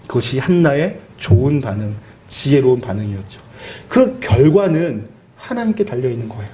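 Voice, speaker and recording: A male pastor preaching a sermon, telling the story vividly and asking the listeners questions. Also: mid-range voice. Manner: animated storytelling, dramatizing quoted speech; asks the listeners rhetorical questions.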